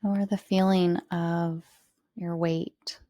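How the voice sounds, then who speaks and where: A woman yoga teacher leading a guided relaxation, with slow, soothing, spacious phrasing. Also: on the low side, flat delivery, dark tone, no room sound.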